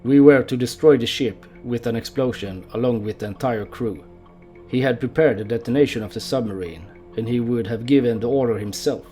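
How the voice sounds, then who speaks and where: A man's voice: fairly low pitch, warm tone. A man narrating a history documentary, telling the story in an amused way and laughing now and then.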